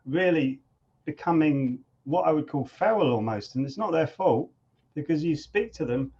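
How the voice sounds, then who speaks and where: A man with a voice a touch higher than most, telling stories as an interview guest. He talks in an animated way, circling back over his own words as he thinks. The recording sounds somewhat dull and lo-fi. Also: normal speed, husky. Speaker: guest musician. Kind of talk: conversational interview storytelling.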